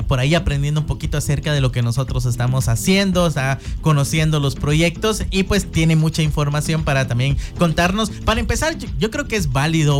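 Halting woman radio host. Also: deep voice. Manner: halting, often searching for words. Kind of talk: educational radio talk.

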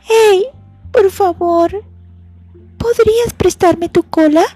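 A sweet little lizard girl from a storybook, begging in a small, high, childlike voice, which a woman acts out. Her tone leaps up and down as she pleads. Soft music plays faintly behind. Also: lively intonation, slow pace. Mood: pleading. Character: small young girl lizard who lost her tail, polite and hopeful.

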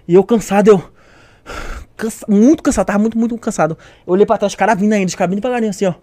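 Young man, high voice, quick talk, dry sound, animated storyteller. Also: no room sound. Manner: animated, acts out voices, lots of slang. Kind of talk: casual storytelling.

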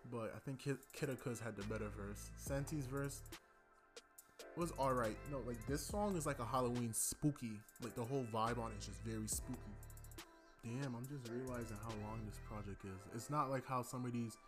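This is a casual music review chat from a young man hosting a podcast, who rambles loosely about an album and uses lots of fillers. His medium-pitched voice moves at a normal speed with music in the background.

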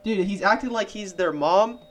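A young man chatting with friends, animated and swearing freely as he tells stories. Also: high voice, moderate pace. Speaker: podcast co-host. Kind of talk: casual chat.

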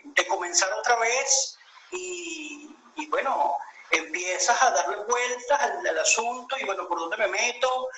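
Over an echoey, roomy video call with a faint background hiss, a Venezuelan guest in his late thirties shares his story in a high, bright voice. He hesitates a lot and restarts his sentences, thinking aloud as he goes in this conversational interview.

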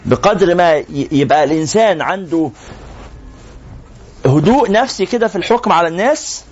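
A man's voice: high voice, expressive, fairly quick. An Egyptian sheikh teaching a live class, firing rhetorical questions at his listeners. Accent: Egyptian Arabic. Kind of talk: religious lesson to a live class. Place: room with a class. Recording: muffled lo-fi recording.

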